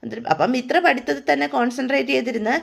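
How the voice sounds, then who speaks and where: A woman retells a drama episode in a casual, chatty way, often tagging her sentences with a friendly aside. Her voice is high with a noticeable gravelly fry. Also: very fast. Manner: chatty, tags lines with a friendly 'you know'. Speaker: storyteller.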